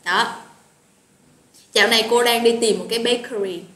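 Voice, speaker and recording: Her pitch sits fairly high, her tone is steady and a bit bright, and she speaks at a moderate pace with a Southern Vietnamese accent. Leading a live online English vocabulary lesson, she chats warmly and encourages students by name; the room echoes and carries faint noise.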